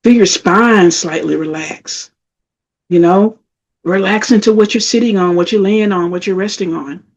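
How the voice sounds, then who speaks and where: A middle-aged woman giving a motivational self-care talk, emphatic and conversational, repeating her points. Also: lowish voice. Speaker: spiritual talk speaker.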